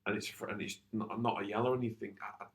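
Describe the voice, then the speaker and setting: A man's voice: fairly low pitch, steady tone, fast talker. A man, co-hosting a casual futsal club podcast, talking plainly with many restarts about refereeing frustrations. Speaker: futsal coach and podcast co-host.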